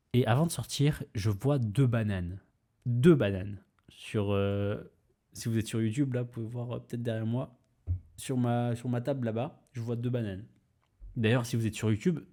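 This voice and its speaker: A young man hosting a podcast tells a personal story casually, rambling with fillers, restarting sentences and swearing mildly. His voice is lowish and warm.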